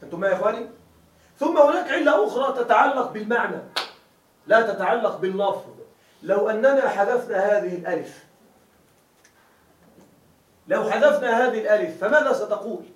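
A man's voice: high-pitched, fairly quick, pauses often. A man teaching Arabic grammar to a class, often checking that his students follow and repeating key words as questions for them to answer. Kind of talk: classroom lecture. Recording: roomy classroom audio from a distant mic.

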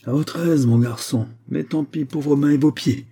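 A man reading a harsh, proud Russian major with a sarcastic, domineering manner, raised and louder than his narration in an audiobook. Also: a little high, normal speed, slightly rough, pitched above the performer's own voice.

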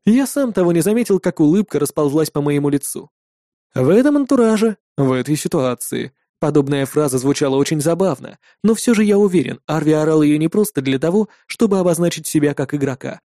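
A man narrating a first-person story in a lively, wry manner. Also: fairly high pitch, fairly quick, no room sound, clean studio sound. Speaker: audiobook narrator.

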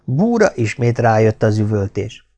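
A man narrating an audiobook in a wry, expressive storytelling manner. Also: fairly low pitch.

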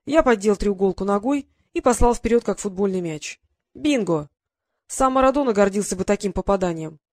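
A woman narrating a first-person adventure novel in an even, measured storytelling manner. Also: mid-range voice, no room sound, studio quality. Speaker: audiobook reader.

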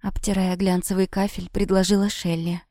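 A woman reading a first-person novel aloud in a lively storytelling manner. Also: mid-range voice, moderate pace, no echo, clean studio sound. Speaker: audiobook narrator.

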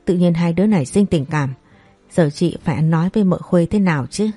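Loud-mouthed scolding big sister, lady narrator doing her, low warm voice, storybook. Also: a little fast, breathy edge, dry recording, faint music behind. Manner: blunt, scolding, exclamatory. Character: older sister, blunt and excitable scolder.

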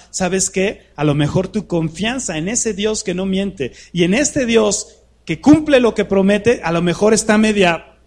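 A man preaching to a live congregation, talking conversationally and peppering his sermon with rhetorical questions. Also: high voice. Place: church hall with a live congregation.

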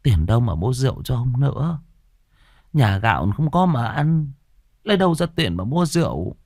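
A man's voice: mid-range voice, huge pitch swings, measured pace, gravelly, slightly rough, no echo, clean studio sound, voice pushed up, exaggerated voice. A man voicing a stammering terrified peasant wife. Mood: anxious. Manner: stammering, tearful begging. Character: frightened, pleading middle-aged peasant wife.

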